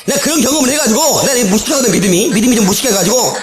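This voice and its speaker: A man's voice: extremely high pitch, very fast, over a noisy crowd. A male pastor giving a sermon full of personal testimony, telling stories with much laughter and acting out the voices of the people in them, recorded on an old cassette tape in a church. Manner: animated storytelling, acting out quoted voices, frequent laughter. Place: church sanctuary.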